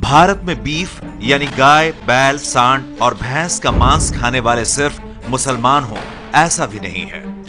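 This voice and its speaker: A man narrates a television news report in a steady, measured voice. He sits at a middle pitch. A music bed plays clearly behind him.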